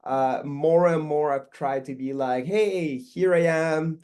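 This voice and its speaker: A middle-aged man from Peru, a guest artist talking casually in an interview, relaxed and rambling with many fillers and restarts. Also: fairly high pitch, slow.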